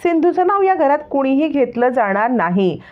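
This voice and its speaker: A woman's voice: sits high, very animated, normal speed, voice pushed up. A woman voicing a stern middle-aged matriarch who scolds firmly. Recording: tinny phone-like sound.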